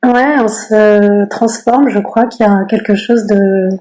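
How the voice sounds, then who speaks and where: A woman's voice: medium pitch, slow, poor audio. A woman in her thirties, a guest on a podcast, talking casually with frequent laughs and fillers. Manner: relaxed, laughs often, many fillers. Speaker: guest, Ayurveda practitioner. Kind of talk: casual conversation.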